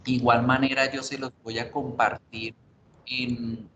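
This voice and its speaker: A man's voice: mid-range voice, flat delivery, measured pace, dull audio. A man teaching an online English class, explaining grammar rules step by step, switching between Spanish and English and checking in with the class. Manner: spells out letters and asks the class for confirmation. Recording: roomy with background noise.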